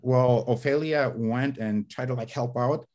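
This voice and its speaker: His voice sits in the mid range, slightly slow and a little mellow. The man, a screenwriter whose first language is Spanish, is a guest in a casual video-call interview from his home study with bookshelves, rambling with many fillers and restarts while gesturing, picked up by a webcam microphone.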